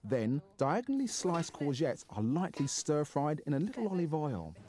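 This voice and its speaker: Lively, playful male food show presenter. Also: on the high side, normal speed, a little hiss or hum. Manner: playful, theatrical delivery. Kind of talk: TV presenting and voice-over narration.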